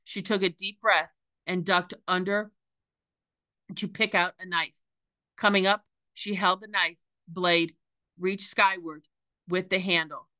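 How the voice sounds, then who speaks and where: Woman teacher reading a story aloud, slow and bright. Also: fairly low pitch, fairly even intonation, no echo. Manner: careful, deliberate reading with small slips. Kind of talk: reading a novel aloud to a class.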